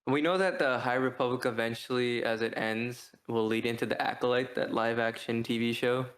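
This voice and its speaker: Speaking at normal speed in a mid-range voice, a man co-hosting a casual podcast keeps his tone even and fairly flat. Like a reviewer among friends, he works through his points aloud, pausing and starting over.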